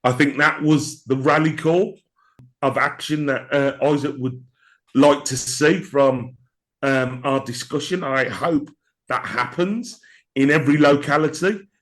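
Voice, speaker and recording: Hoarse, slow-speaking man with the flu. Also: mid-range voice. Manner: slow, halting, reflective. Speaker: podcast co-host. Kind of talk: casual podcast chat.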